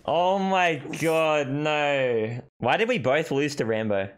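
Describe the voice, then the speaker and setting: A man hosting a gaming video, giving live commentary on a fighting-game match with excitable yells, groans and laughs. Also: fairly high pitch, takes it slowly. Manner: excitable, yelling reactions and groans. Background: game music.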